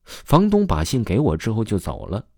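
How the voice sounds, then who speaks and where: A man telling an audio story with a very deep, dark voice and animated, swinging pitch. The recording is dry and close, with no room sound. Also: moderate pace, no room sound.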